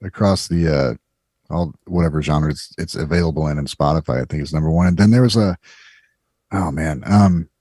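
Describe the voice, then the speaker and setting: A man with a very deep, husky voice co-hosts a casual podcast. He gets excited and swears freely, sounding dry and close. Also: normal speed, dry recording. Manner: excited, swearing, says dude. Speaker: podcast co-host. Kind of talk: casual chat.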